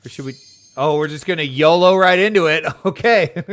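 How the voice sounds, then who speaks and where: A man streaming a game with casual, excitable commentary, reading the dialogue aloud as he plays. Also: a little high, moderate pace. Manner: excitable, exclaims and laughs often; reads on-screen dialogue aloud.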